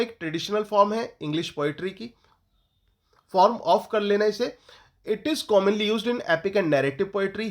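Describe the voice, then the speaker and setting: A male teacher with an Indian English accent gives an exam-prep lecture, slowly dictating English notes and then explaining them in Hindi with questions to the class. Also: high voice.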